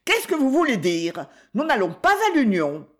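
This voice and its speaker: A woman voicing a surly, quick-tempered working-class wife who answers back sharply. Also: big pitch swings. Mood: defiant. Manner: sharp, shrill retorts.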